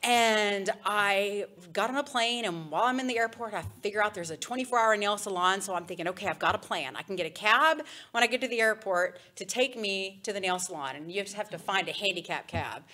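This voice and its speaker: A woman guest chatting casually, telling an animated story and laughing often. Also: mid-range voice, a little fast, few pauses. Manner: animated storyteller, acts out quotes. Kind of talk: casual chat.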